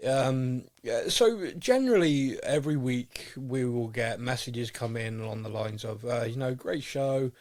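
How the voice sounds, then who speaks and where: A man's voice: medium pitch, unhurried, few pauses, darkish tone. A British man hosting a podcast in casual chat, with a rambling, wry, self-deprecating way of talking. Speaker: podcast host.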